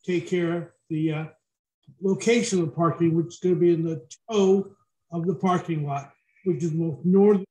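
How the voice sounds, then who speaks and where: A man speaking in halting, broken phrases at a committee meeting over a video call, his voice cutting in and out as the connection drops. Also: fairly high pitch, fairly even intonation, warm tone. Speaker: committee member. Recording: echoey room, dropping call audio.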